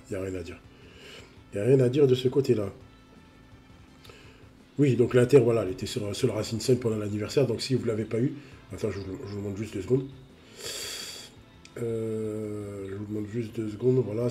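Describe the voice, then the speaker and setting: A man's voice: lowish voice, warm tone. A man with a cold, sniffling as he reviews a mobile game card in a casual, repetitive way, full of fillers. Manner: repeats himself, full of fillers.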